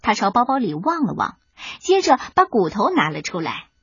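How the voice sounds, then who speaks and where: A woman narrating a children's storybook in a lively, expressive reading. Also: medium pitch, normal speed, husky, dry recording. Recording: dull lo-fi recording, faint music.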